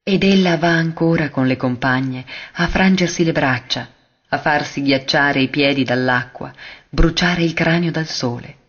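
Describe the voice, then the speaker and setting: A man reading a classic literary short story aloud in a measured, expressive way, on a dull lo-fi recording. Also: on the high side. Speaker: narrator.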